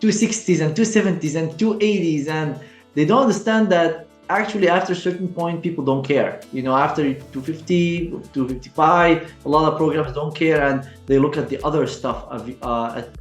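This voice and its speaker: An upbeat interview host introducing the guest and asking questions, quick to affirm the answers. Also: medium pitch, faint music behind. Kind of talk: hosting an interview. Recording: roomy echo.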